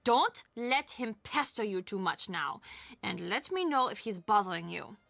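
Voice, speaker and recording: Bright, animated, chatty middle-aged woman. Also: mid-range voice, a little slow, gravelly, no echo. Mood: candid. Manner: chatty, expressive, confiding. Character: warm, chatty middle-aged German castle employee and aunt. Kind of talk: video game voice acting.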